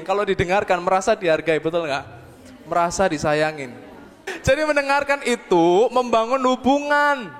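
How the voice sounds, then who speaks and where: A man giving a lively motivational talk to young people, who keeps asking the audience whether they agree. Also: extremely high pitch. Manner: acts out short dialogues in other voices. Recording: long hall reverb.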